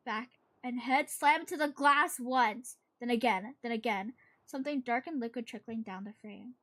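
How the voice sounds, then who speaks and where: A woman reading a horror story aloud like a horror host, dramatic and suspenseful, with pauses and the odd stumble. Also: a little high. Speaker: streamer reading horror stories to a live chat.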